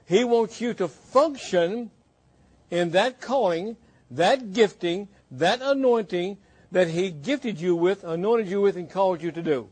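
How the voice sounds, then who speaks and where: A man preaching a sermon in a careful, unhurried way, repeating key phrases with deliberate emphasis. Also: sits high, lively intonation, breathy edge. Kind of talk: sermon to a congregation.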